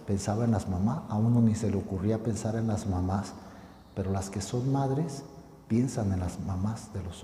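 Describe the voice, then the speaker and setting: Priest preaching in an echoey church. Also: male voice, fairly low pitch, mellow. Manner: conversational, repeats and restarts phrases. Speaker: parish priest. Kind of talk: homily. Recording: echoey church with long reverb, faint noise.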